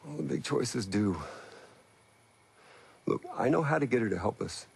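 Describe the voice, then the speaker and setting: An actor playing a calm, persuasive male scientist in video game dialogue. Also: medium pitch, normal speed, gravelly, husky, full character voice.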